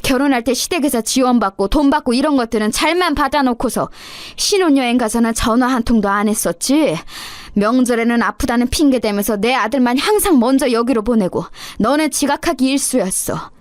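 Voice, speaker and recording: An indignant older mother-in-law, as a woman puts her on in a radio story, scolding in an accusing tone. The voice sits high and rises and falls sharply. It is recorded dry and close. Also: lively intonation, fairly quick, no echo, close to an everyday voice.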